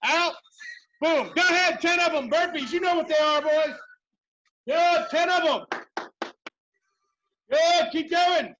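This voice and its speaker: High-pitched man barking like a gym coach. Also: takes it slowly, pauses often, fairly bright tone, dull audio, a little hiss or hum. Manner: barking gym coach, urgent repeated commands and encouragement. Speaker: youth sports coach leading a remote group workout. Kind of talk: live workout instruction, calling out drills.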